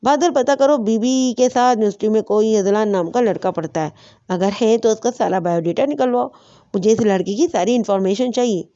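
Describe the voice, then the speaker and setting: A woman's voice: on the high side, mellow, lightly acted. A woman voicing a domineering feudal father who gives orders in a commanding, menacing way, on a dull lo-fi recording.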